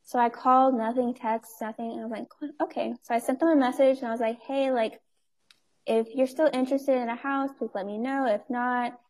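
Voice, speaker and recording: A woman's voice: a little high, fairly even intonation, brisk, darkish tone. A woman in her twenties chatting as an interview guest, full of fillers and easy laughs. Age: 20s. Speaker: guest, nonprofit owner. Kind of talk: casual interview chat.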